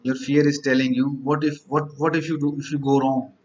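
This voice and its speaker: A man's voice: mid-range voice, little pitch movement, brisk, a little mellow, lo-fi sound. A man, teaching exam candidates in a motivational lecture, stacking up rhetorical questions and repeated lists.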